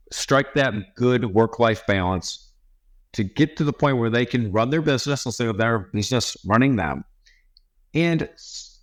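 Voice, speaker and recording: Brief: man, 40s, podcast co-host, relaxed, easygoing chat. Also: medium pitch. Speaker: podcast co-host and tax firm owner.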